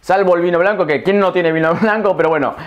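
Loud, animated young man. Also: high-pitched, fast talker, highs cut off. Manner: animated, loud, tongue-tied chatter. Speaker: cooking channel host. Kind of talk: casual talk to camera. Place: indoor studio against plain wall.

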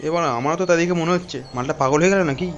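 A man's voice: fairly high pitch, rapid-fire, lo-fi sound, heavy background noise. A man voicing a coarse, scolding older-brother figure in a cartoon comedy. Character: bossy, crude older-brother type man.

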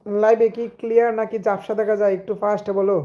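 A hoarse young man, chatting casually with viewers on a live stream and greeting commenters by name. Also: high-pitched, little pitch movement, fast talker, dark tone. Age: young adult.

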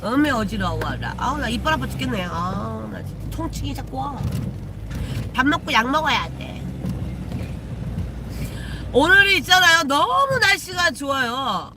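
A woman's voice: high voice, sing-song, measured pace, long pauses, noisy background. A woman, a shaman chatting casually with viewers on a live stream from her car, teasing and swearing freely. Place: in a car while driving.

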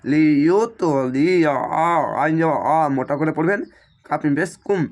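Male Quran teacher with a Bangladeshi Bengali accent and a raised pitch, who spells out each word and repeats it patiently. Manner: breaks words into syllables, repeats them slowly. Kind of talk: spelling-out Quran recitation lesson.

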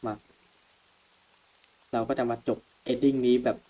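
A man's voice: medium pitch, level tone, slow, mellow, lo-fi sound, a little hiss or hum. A man giving chatty let's-play commentary on a horror game, laughing at the plot twists. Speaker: gameplay host. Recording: game music playing behind.

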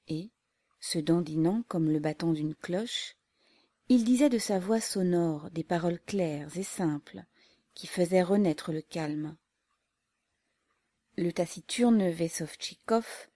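A woman narrating a classic novel as an audiobook in a calm, measured way. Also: lowish voice, dry recording. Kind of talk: scripted narration.

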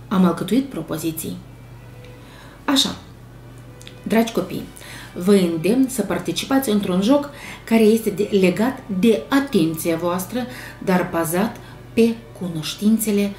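A woman with a Moldovan Romanian accent, a primary school teacher giving a video lesson to young children, speaking slowly and clearly and sounding out syllables in an encouraging way. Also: mid-range voice, darkish tone. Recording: echoey room, faint background noise.

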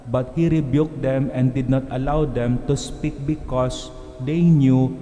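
A Filipino priest reads the gospel and preaches in a slow, measured way. His voice is mellow and unhurried. A long church reverb trails every phrase, with a faint hiss underneath. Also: medium pitch. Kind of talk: reading the gospel and preaching at Mass. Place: large church.

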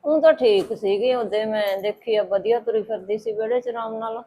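A woman's voice: a little high, moderate pace, dull audio, slight background noise, lightly acted. A woman playing a sympathetic seamstress who chats along and agrees. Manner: agreeing, chiming in with short replies. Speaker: tailor, sister-like friend. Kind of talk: short-film dialogue.

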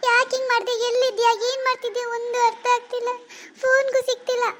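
A woman's voice: extremely high pitch, flat delivery, quick pace, fairly bright tone. A woman voicing a young village wife in a cartoon, tearful and pleading as she searches for her missing sister. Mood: anxious, tearful. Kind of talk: cartoon voice acting.

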